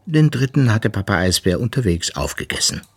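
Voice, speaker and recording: A man narrating a children's story aloud in an expressive, unhurried way. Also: fairly low pitch, breathy edge.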